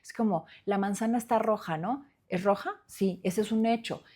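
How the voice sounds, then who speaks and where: A woman's voice: mid-range voice, fairly even intonation, moderate pace, dark tone. A woman, hosting a solo podcast and speaking earnestly and reflectively, with many fillers and restarts. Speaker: podcast host. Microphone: studio microphone.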